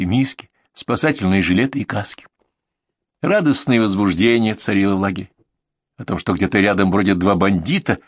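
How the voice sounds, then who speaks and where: A man reads an adventure novel aloud in an expressive storytelling manner. His pitch moves a lot, so the telling sounds animated. The recording is dry and close, with no room sound. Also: no room sound. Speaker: audiobook narrator. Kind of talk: scripted narration.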